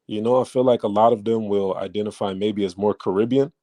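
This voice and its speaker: A man hosts a relaxed interview, his voice sitting a little low and sounding close and dry. He asks loose questions padded with "you know" and "like" and keeps things friendly and casual. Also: fairly quick, dry recording. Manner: laid-back, filler-heavy questions. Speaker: host interviewer.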